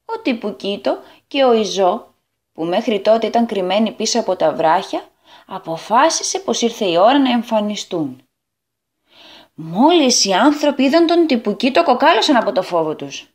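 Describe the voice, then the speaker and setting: Expressive woman reading a children's tale. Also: fairly high pitch. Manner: expressive, animated. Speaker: storyteller.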